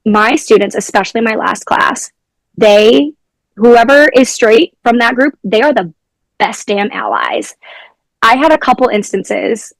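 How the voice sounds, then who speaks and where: A woman's voice: mid-range voice, dry recording. A young adult woman, a former teacher, telling stories from her classroom in a casual interview.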